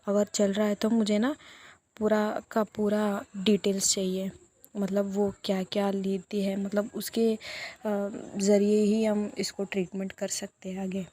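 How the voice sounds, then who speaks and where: A woman's voice: medium pitch, mellow. A woman casually retelling a love story episode in a chatty way, with many fillers and lightly acted quoted lines.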